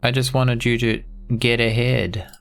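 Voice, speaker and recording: A man's voice: medium pitch, level tone, unhurried, gravelly, soft background music. A man giving casual game commentary and reading dialogue aloud as he plays. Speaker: gamer playing through an adventure game.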